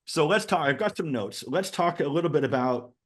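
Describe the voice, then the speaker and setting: A man's voice: a little high, expressive, brisk. A middle-aged man hosting a casual interview in an informal, agreeable way. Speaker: host of men's lifestyle channel.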